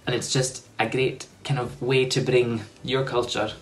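A man's voice: mid-range voice, little pitch movement, a little slow. A young Scottish man chats informally to camera at home. There is faint ambient noise behind his voice. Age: 20s. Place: small home room.

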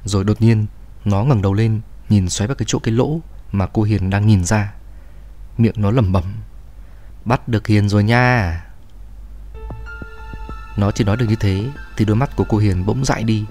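A man narrating a horror story in a steady, measured way. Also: fairly low pitch, faint music behind.

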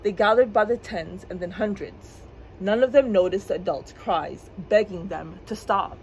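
A woman librarian reading a storybook aloud for children's story time with clear, expressive delivery. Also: medium pitch, normal speed, slight background noise, rough recording. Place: public library.

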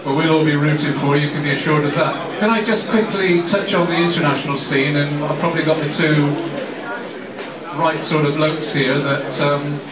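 At a live event in a crowded indoor bar, a man with a fairly high, fairly even voice interviews two rugby players at a normal pace, keeping it chatty and full of jokes. He's hosting a live Q&A on a handheld mic, but the camera sits far off, so the recording sounds roomy and distant under a loud crowd.

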